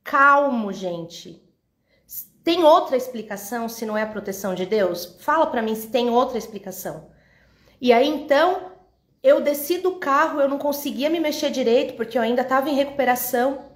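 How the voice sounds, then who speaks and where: A woman's voice: sits high, fairly quick. Woman telling a story in a roomy echo. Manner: lively storyteller who acts out the dialogue; talks straight to a women's audience. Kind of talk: Bible teaching with personal story.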